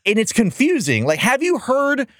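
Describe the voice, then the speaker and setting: A man's voice: very high voice, wildly swooping pitch, normal speed, a bit bright, dry recording, clean studio sound. An American man chatting casually as a podcast host, with a sarcastic, incredulous, joking manner. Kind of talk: casual comedic chat about old cartoons.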